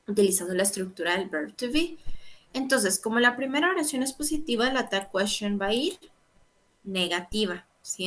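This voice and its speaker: Lady teacher, bright clear voice, keeps asking verdad, patient explainer. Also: mid-range voice. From Guatemala. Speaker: English teacher. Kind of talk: online lecture explaining grammar.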